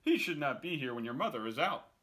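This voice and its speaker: A man's voice: fairly high pitch, sing-song, fast, a bit bright. A man voicing a frightened, scolding little pet fish from a picture book, indignant and emphatic. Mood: alarmed.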